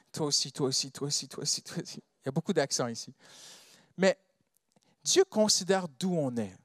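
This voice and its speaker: A man's voice: a little high, moderate pace, pauses often, dry recording. A man preaching a sermon in French with a non-native accent, often asking the congregation questions. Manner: animated, asks the congregation rhetorical questions.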